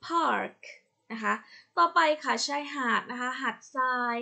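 A woman with a Thai accent teaching English to young children in a slow, patient online lesson, repeating each word for them to copy and praising them. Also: high voice, gravelly, sharp tone. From Thailand. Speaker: primary school English teacher.

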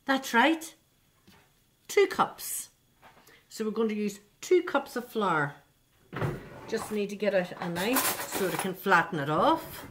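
In her home kitchen, an older woman hosts a children's baking lesson, chatting straight to the young viewers and coaxing them with questions. Her medium-pitched voice is sing-song and slow, with frequent pauses, and there's background noise.

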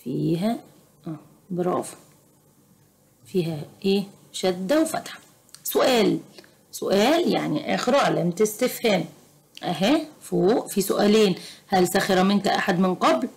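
A woman with an Egyptian Arabic accent tutoring young children in Arabic grammar, slow, patient and encouraging. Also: mid-range voice, lively intonation, vocal fry, darkish tone. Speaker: private tutor. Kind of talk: teaching a children's Arabic lesson.

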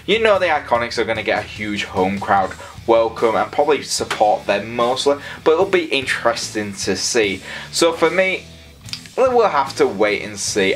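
A young man hosting a casual predictions vlog, excitable and rambling as he talks straight to his viewers. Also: medium pitch. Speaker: wrestling predictions host.

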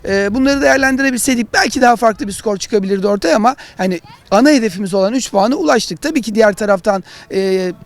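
A man talking through match analysis as a football pundit, in halting, explanatory phrases. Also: sits high. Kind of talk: analytical studio discussion of matches.

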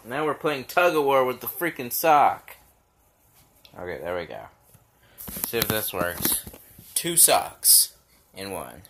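Lively, bright-voiced casual vlogger. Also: mid-range voice, takes it slowly, long pauses, slight background noise. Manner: casual, swears freely, chats to the dogs; lively, playfully exaggerated exclamations. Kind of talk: casual vlog playing with a puppy.

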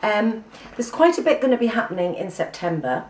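A woman's voice: medium pitch, big pitch swings, brisk, darkish tone, echoey room, distant mic, low-quality recording. A woman with an English accent giving a breezy, chatty catch-up to camera, full of ums. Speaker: vlogger giving a personal catch-up. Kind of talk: casual chat to camera.

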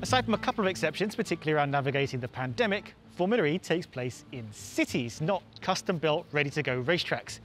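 Young male presenter, on-location explainer, higher voice, wry, faint music bed. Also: lively intonation, quick pace, few pauses. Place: outdoors by a waterfront and an exhibition centre.

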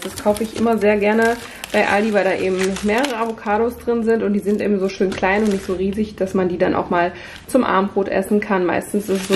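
At night in her home kitchen, a family vlogger in her thirties chats through her family's grocery haul, holding up each item for viewers in an upbeat run-through. Her medium-pitched voice is a little mellow, and the recording carries a slight hiss or hum.

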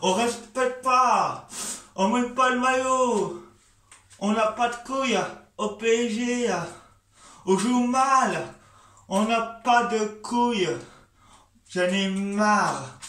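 High-voiced man venting in an echoey room. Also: slow, long pauses, pushed and bright, far from the mic. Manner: fed-up, repetitive venting with swearing. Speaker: vlogger. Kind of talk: angry football rant.

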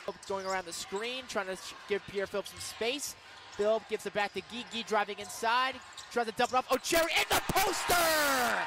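An excitable radio announcer with a very high voice is calling a basketball game live from inside an arena. When the big plays come, he shouts.

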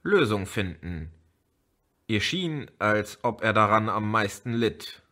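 A man narrating an audiobook chapter in a measured storytelling manner. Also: on the low side, big pitch swings, bright, forceful tone. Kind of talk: scripted narration.

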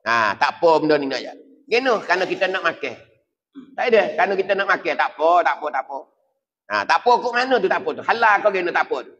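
Preacher, high voice. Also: male voice, big pitch swings, fast, fairly bright tone. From southern Thailand. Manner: repetitive, emphatic, chanting Arabic quotes. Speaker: religious teacher. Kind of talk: sermon. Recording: dull lo-fi with long reverb.

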